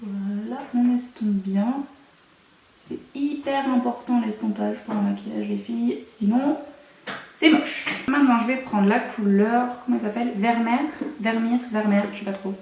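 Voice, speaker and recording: A woman's voice: a little high, expressive, normal speed, darkish tone, recorded from a distance, slight background noise. A young woman chatting through a makeup tutorial at home, with playful, self-mocking asides. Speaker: beauty vlogger. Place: room at home. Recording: echoey room, mic set away.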